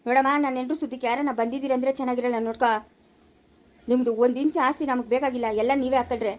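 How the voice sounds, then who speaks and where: A woman playing an angry middle-aged village father who loudly defends his wife, in a rural Chikkaballapura Kannada accent. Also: high voice, fairly even intonation, very fast, lightly acted. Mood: scolding. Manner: scolding, loud and indignant. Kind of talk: amateur family drama acting.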